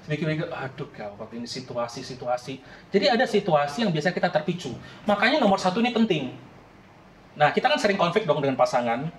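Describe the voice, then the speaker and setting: A man's voice: high voice, big pitch swings, fast, echoey room, slight background noise, poor audio. A man in his late thirties preaching a sermon in an earnest, conversational way, often addressing the congregation directly. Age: late 30s. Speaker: pastor.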